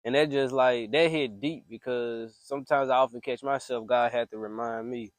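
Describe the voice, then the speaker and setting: A man's voice: medium pitch, fairly even intonation, normal speed, dry recording. A man talking about his faith in an earnest, preachy, confiding way, recorded as a phone voice memo. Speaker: speaker venting about faith. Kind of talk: casual spoken reflection. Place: private room, voice memo. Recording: dry close voice memo.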